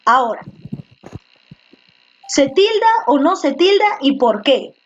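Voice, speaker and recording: A woman's voice: high-pitched, big pitch swings, takes it slowly, slight background noise. A woman teacher giving an online class, patiently repeating words and quizzing her students, heard through a computer microphone. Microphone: computer microphone in a video class. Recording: slightly muffled lo-fi audio.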